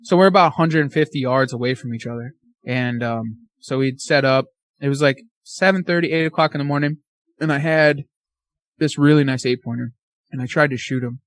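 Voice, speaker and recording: A man guesting on a podcast, excitedly telling a casual story full of fillers and slang. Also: mid-range voice, fairly quick, no room sound, clean studio sound.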